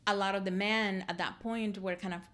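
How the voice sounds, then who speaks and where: A woman's voice: mid-range voice, steady tone, a bit bright. Reflective woman from El Salvador. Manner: reflective, halting with fillers. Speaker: guest therapist. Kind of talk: casual interview storytelling.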